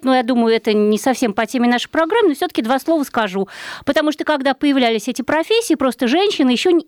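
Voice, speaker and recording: A woman's voice: sits high, dry recording, clean studio sound. A woman hosting a live radio call-in show, talking at length in an articulate, chatty way.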